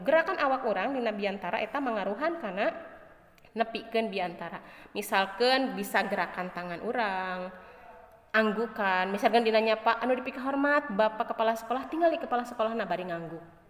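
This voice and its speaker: A woman's voice: mid-range voice, fairly bright tone. Sundanese woman teaching in an echoey room. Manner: explains step by step, lists points in order. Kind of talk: classroom lesson explanation. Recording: echoey room with long reverb.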